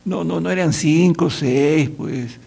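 An older man from Peru with a Peruvian accent, a professor telling anecdotes in a halting, repetitive way with dry humor. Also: a little high, dark tone. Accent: Peruvian Spanish. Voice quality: gravelly, husky. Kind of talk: storytelling talk.

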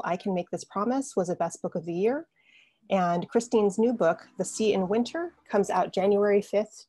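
A woman moderating a panel on a video call, briskly reading out introductions. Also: medium pitch, dark tone, dry recording.

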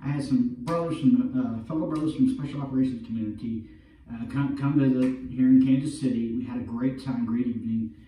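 A middle-aged man with a dark, relaxed voice talks informally to a camera. He sits a little way from the microphone in a bare room with heavy echo. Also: medium pitch, brisk. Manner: informal, peppers talk with "look" and "all right". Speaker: vlogger and veterans' awareness campaigner. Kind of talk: casual talk to camera. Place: empty carpeted room indoors. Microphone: far camera. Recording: roomy echo, distant camera mic.

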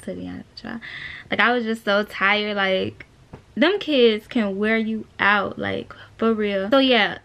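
A woman's voice: medium pitch, a bit bright. A woman of twenty-one answering viewer questions in a casual vlog, talking loosely with lots of fillers, filmed at arm's length in a small bedroom. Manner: chatty, laid-back, lots of "like" and "you know". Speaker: vlogger. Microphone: camera at arm's length.

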